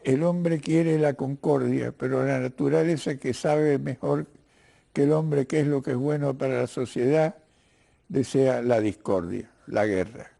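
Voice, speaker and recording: An older Cuban man, a writer and lawyer, is interviewed on a broadcast about politics, his Spanish carrying a Cuban-Argentine accent. He has a warm, steady, medium-pitched voice with vocal fry, and speaks in a halting, professorial manner, often repeating words as he searches.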